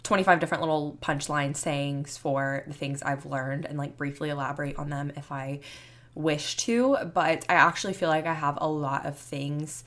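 A woman in her mid twenties hosts a solo podcast, chatty and rambling with youthful, filler-heavy talk. Her voice sits low and is a bit bright, with a steady tone at a moderate pace.

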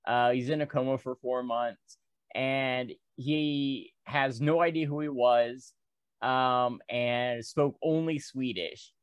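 A man's voice: medium pitch, fairly even intonation, slow, clean tone, no echo. A man co-hosting a podcast, casually running through odd news stories with lots of ums and asides. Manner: rambling, filler-heavy news rundown. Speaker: podcast co-host. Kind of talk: casual chat.

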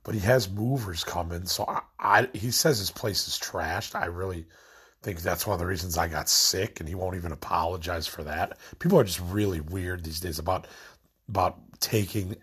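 Deep yet fairly bright, and slightly rough, this young vlogger's voice moves at normal speed. He's from Illinois, USA, stoned and rambling through a casual late-night rant full of "like," often trailing off before finishing a thought.

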